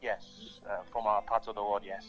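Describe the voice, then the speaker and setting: A man from Ghana on a call, answering softly with amen and yes sir. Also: on the low side, flat delivery, moderate pace, soft background music, low-quality recording. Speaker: caller.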